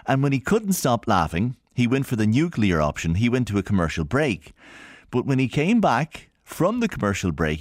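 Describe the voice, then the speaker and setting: Irish male radio host, enthusiastic and chatty, lowish voice, dry. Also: dry recording. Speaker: radio presenter. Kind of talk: live radio presenting. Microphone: studio microphone.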